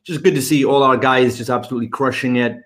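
A middle-aged man from the UK, talking in an upbeat, energetic way as a guest on a podcast interview. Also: mid-range voice. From United Kingdom. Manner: energetic, upbeat, quick answers. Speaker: guest, fitness business mentor.

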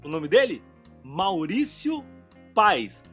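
A man's voice: high voice, sing-song, slow, fairly bright tone, soft background music. A man hosting a live radio interview from a studio, upbeat and chummy, firing off friendly banter. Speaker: radio and podcast host.

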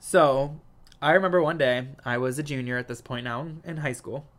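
A man's voice: medium pitch, moderate pace, fairly bright tone. A young man in his twenties talking casually and earnestly to his viewers, with lots of "like" as filler. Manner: earnest, affirming, heavy use of "like". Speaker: vlogger. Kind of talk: casual personal talk to viewers.

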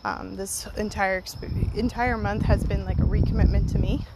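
A woman's voice: medium pitch, steady tone, normal speed. A woman podcast host talking informally and off the cuff to her listeners while out walking at night with crickets chirping. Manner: rambling, informal. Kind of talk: casual unscripted solo monologue to listeners. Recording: outdoor night ambience, crickets and wind. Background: chirping crickets, wind.

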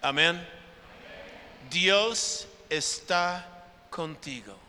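A man delivering a sermon at an unhurried pace, his voice pitched high and bright. He repeats key phrases and slips into short acted-out exchanges with his congregation. The room is a large church hall with a long, echoing reverb. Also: animated. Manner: preaching with emphatic repetition and acted-out dialogue. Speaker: pastor.

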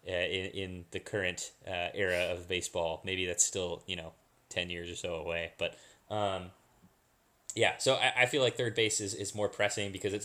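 Low-voiced man in casual chat. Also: bright, forceful tone. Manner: halting, repeats words, laughs easily. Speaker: podcast co-host.

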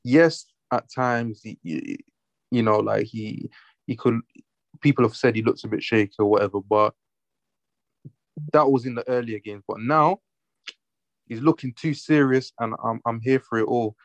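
A man's voice: medium pitch, moderate pace, pauses often, no room sound, dull audio. A man with a London accent talking casually about football in emphatic, slangy roadman style.

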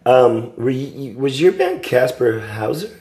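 A man's voice: medium pitch, lively intonation, unhurried, darkish tone, echoey room. A man hosting a podcast, interviewing his guest in a playful, joking way. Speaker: podcast host. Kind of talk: casual chat.

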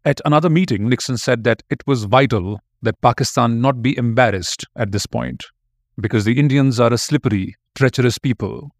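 A man's voice: medium pitch, normal speed, vocal fry, no room sound, studio quality. A man giving scripted narration as a history podcast narrator, reading out quotes in a storytelling tone.

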